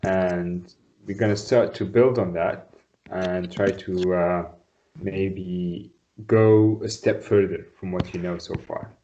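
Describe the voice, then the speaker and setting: This Arabic tutor from Tunisia has a low-sitting, mellow voice with fairly even intonation and a slow pace, plus a little hiss or hum. He coaches a single student online with patience and encouragement, often repeating praise, heard through dull video call sound.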